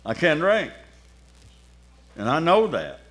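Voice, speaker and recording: A man's voice: fairly high pitch, wildly swooping pitch, slow, a bit bright. Folksy older male pastor telling a story. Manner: folksy, colloquial, wry. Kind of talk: sermon testimony storytelling.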